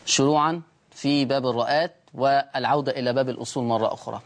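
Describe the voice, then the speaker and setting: A man with an Egyptian accent hosting a televised Quran recitation lesson. He speaks slowly and deliberately, drawing out example words and asking his students rhetorical questions. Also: mid-range voice, fairly even intonation. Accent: Egyptian Arabic. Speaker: Quran recitation teacher and show host.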